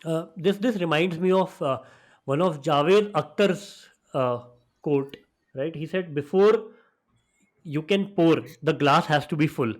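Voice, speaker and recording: A man hosting a podcast, speaking in a conversational interview style, appreciative and measured, with soft fillers between phrases. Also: a little high. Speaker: podcast host.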